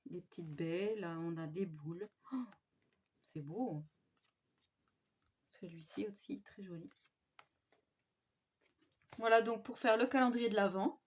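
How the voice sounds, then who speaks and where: A woman vlogger doing a casual show-and-tell of scrapbooking papers, speaking softly and admiringly with frequent hesitations. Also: medium pitch, takes it slowly, pauses often. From France. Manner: soft-spoken, admiring, with frequent fillers.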